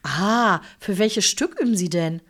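A woman voicing a chatty, good-natured male bus driver who calls out loudly and cheerfully. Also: mid-range voice, a little slow. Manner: loud, cheerful calling out.

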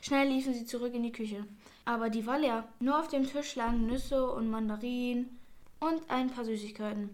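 A woman reading a children's story aloud as a gentle storyteller. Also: on the high side, steady tone, normal speed.

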